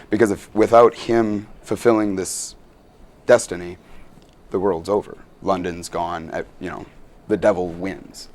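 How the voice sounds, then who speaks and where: A man's voice: deep voice, gravelly. A young man, a student actor, answering interview questions in an earnest, rambling way with many fillers.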